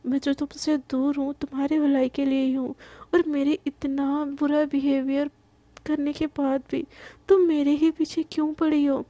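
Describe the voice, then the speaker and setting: A woman voicing a stern young woman boss who turns soft and pleading with the one she loves. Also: high voice, flat delivery, normal speed, gravelly, no echo. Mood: tender.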